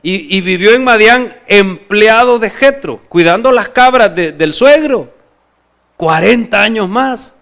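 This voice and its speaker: Male pastor, sermon, bright and resonant, quizzes the congregation. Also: high-pitched, a little slow. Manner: asks the congregation questions, expressive.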